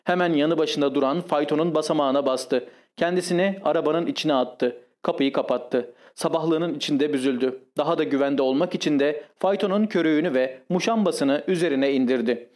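A man narrating a classic short story as an audiobook, calm and measured. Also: on the high side. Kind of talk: scripted narration.

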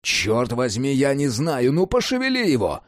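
Gruff male hunt leader who barks short commands, in an audiobook, as a male narrator plays him. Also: on the low side, animated, a little slow, mellow, no echo, clean studio sound. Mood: barking. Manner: barking, curt orders. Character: gruff male leader of a vampire-hunting team. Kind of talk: audiobook character voice.

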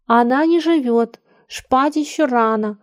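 A woman's voice: sits high, slow pace, darkish tone, pitched above the performer's own voice. A woman voicing a small sulky boy who lisps and whines plaintively. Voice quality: lisp. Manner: plaintive, whining.

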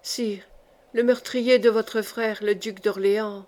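A woman's voice: measured pace, darkish tone, close to an everyday voice. A woman reading as a groaning, guilt-broken duke. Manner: groaning, pleading in a low murmur. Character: guilt-broken medieval duke, a grown man. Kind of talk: audiobook reading.

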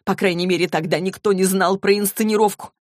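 A desperate young woman, as a woman reader puts her on, her voice rising high and frantic as she pleads and cries out. The sound is dry and close. This is an audiobook scene. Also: steady tone, fast, no room sound, close to an everyday voice. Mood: pleading.

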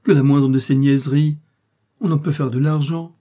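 A man's voice: medium pitch, normal speed, warm tone, slightly rough, voice pushed up, natural voice. A man voicing a passionate young woman who pleads and then turns bitter, in an audiobook reading. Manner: emotional, pleading, rising and reproachful.

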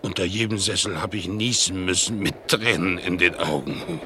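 In a German radio play, a man acts as an excitable, naive male bulldog chattering about his household, telling the tale expressively and mimicking the people he quotes. He sounds eager and chatty, at a moderate pace and in a natural voice. The recording is clearly noisy, with train and vehicle rumble behind.

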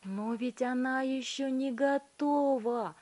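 A woman voicing an excitable, fussy male candy inventor who gushes about his inventions and pleads anxiously. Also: sits high, takes it slowly, pitched above the performer's own voice. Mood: excited, pleading.

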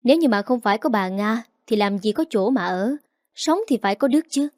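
A woman's voice: a little high, expressive, brisk, a little mellow, no echo, studio quality, natural voice. A woman reading a storybook, voicing a judgmental village man who scolds and accuses. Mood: scornful.

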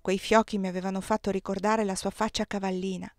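A woman narrating a literary novel aloud in a measured, expressive reading voice. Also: medium pitch, no echo, studio quality. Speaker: audiobook reader.

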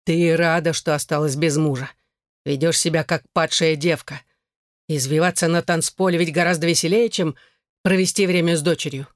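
A reader voicing a jealous, domineering man who speaks slowly through clenched teeth in an audiobook. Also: medium pitch, steady tone, no room sound, clean studio sound, close to an everyday voice. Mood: stern. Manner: slow, clipped, through teeth. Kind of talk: audiobook character voice.

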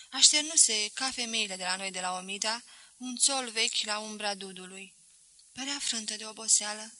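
A woman narrating a novel as an audiobook reader, in a measured, expressive way. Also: medium pitch, no room sound, poor audio. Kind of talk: scripted narration.

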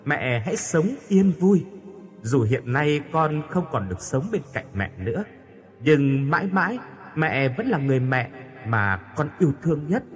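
Man reads gentle ghost daughter, soft and pleading, lively lilt. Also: on the high side, measured pace, soft background music. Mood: tender. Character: young dead daughter, tender spirit.

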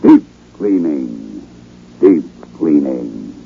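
A man announcing on an old radio show in 1940s broadcast style, with slow, measured slogan delivery. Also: rumbling low, very animated, gravelly, loud music behind the voice. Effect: old radio show broadcast sound. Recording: tinny lo-fi old radio recording with faint hiss.

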